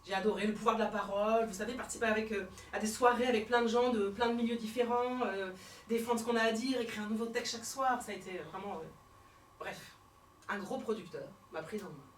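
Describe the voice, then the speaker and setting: A woman comedian performing a one-woman stage show, telling her story theatrically and swinging between hushed and shouted lines. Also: medium pitch, fast, a little hiss or hum. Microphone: fixed camera from the hall. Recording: roomy hall sound from far off.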